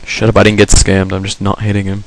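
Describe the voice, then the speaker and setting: A man on a headset giving live gameplay commentary, excitable and swearing as he shouts at the game. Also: lowish voice, quick pace. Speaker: gaming video host.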